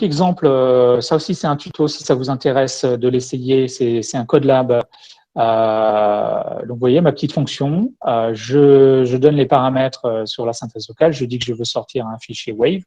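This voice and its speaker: A man's voice: medium pitch, a little mellow. Man giving a tech talk with demo. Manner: explains step by step while demoing. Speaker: tech conference speaker. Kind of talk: conference talk with live demo.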